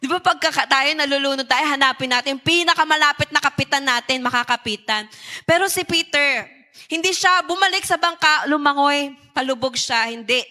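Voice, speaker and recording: High, bright woman preaching. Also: normal speed. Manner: engaging, asks the audience questions. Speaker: youth preacher. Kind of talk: sermon.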